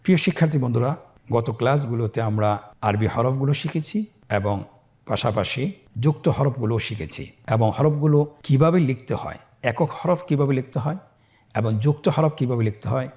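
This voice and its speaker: A man teaching a Quran lesson, patient and encouraging, drawing out syllables slowly as he sounds out letters for learners to repeat. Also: medium pitch, expressive, a little mellow. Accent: Bangladeshi Bengali. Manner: slow drawn-out syllables when sounding out letters. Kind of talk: step-by-step lesson, learners repeat after him. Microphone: facing the camera on screen.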